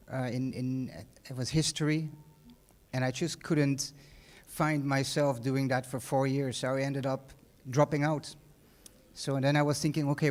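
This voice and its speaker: The guest speaker is a middle-aged Dutchman from the Netherlands with a slightly high, darkish voice. His graduation address in a large hall is casual and meandering, full of conversational fillers and false starts.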